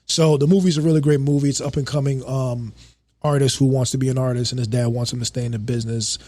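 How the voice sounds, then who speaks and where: Middle-aged guy from jamaica, podcast guest, husky mellow voice, rambly laid back storytelling. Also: medium pitch, quick pace. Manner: relaxed storytelling, many fillers and restarts. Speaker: guest, music executive. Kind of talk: casual podcast conversation.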